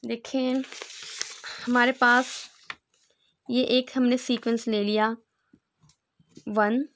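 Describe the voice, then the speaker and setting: A woman teaching a mathematics lesson, explaining step by step, reading definitions out slowly and often checking in with her students. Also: fairly high pitch, steady tone, fairly bright tone. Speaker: math teacher. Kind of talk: classroom lecture.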